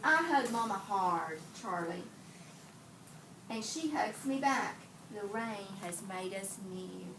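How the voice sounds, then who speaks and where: At a slow pace and medium pitch, a woman teacher gives an expressive read-aloud of a picture book to young children. She quizzes her pupils along the way and repeats their answers back. The sound comes from a distant mic in a roomy, noisy classroom.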